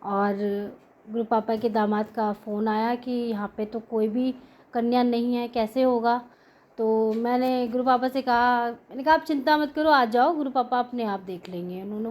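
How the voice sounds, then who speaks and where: A woman's voice: a little high, fairly even intonation, normal speed, darkish tone. A middle-aged woman, sharing an earnest devotional testimony with a prayer group. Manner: earnest, grateful, heartfelt storytelling.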